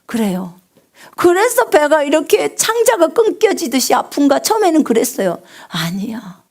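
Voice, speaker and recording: Preaching live about prayer, a woman missionary uses a big, resonant singer's voice that sits high and sounds sing-song at a normal speed. She asks the congregation questions, answers them, and moves between loud cries and hushed whispers.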